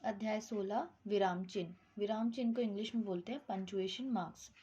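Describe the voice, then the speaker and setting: A woman's voice: medium pitch, fairly even intonation, fairly quick, warm tone, breathy edge, dull audio. A woman teaching a Hindi grammar lesson, explaining step by step, mixing English words into her Hindi and checking with "ठीक".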